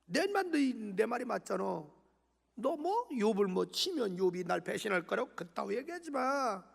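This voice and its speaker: A man's voice: extremely high pitch, sing-song, moderate pace, vocal fry, big-room sound, exaggerated voice. A man preaching a sermon who voices God as blunt and off-hand while retelling a scripture story. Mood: boastful. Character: God, a scolding, boastful male deity.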